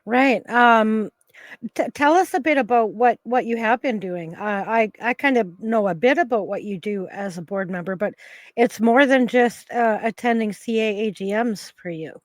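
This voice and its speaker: Higher-voiced woman host, dry sound. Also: normal speed, dry recording. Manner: friendly, hesitant with fillers. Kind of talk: casual interview.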